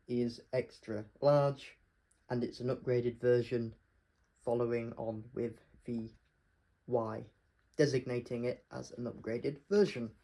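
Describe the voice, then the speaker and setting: A man giving a casual explanatory review, speaking haltingly as he spells out details piece by piece. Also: medium pitch, dark tone, low-quality recording. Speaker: product reviewer.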